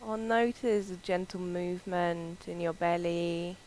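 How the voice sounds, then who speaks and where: A woman leading a yoga class, gently guiding the breath in a slow and soothing way, with soft pauses. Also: lowish voice, flat delivery, slight background noise, poor audio. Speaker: yoga instructor. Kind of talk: guided breathing and meditation class.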